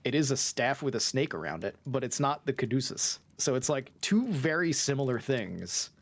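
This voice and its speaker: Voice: mid-range voice, big pitch swings, normal speed, dry recording. A streamer playing a detective game who gets sidetracked and explains things at length in casual chat.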